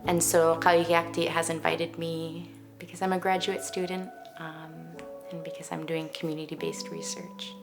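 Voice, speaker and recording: A woman's voice: sits low, normal speed. A woman from Nunavut, a graduate student introducing herself. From Nunavut, Canada. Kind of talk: interview self-introduction. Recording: clear music behind.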